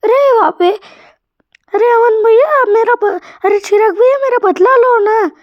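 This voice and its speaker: A man voicing a cheeky little cartoon boy who pleads and squeals in a high voice. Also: a little slow, dull audio. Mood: pleading.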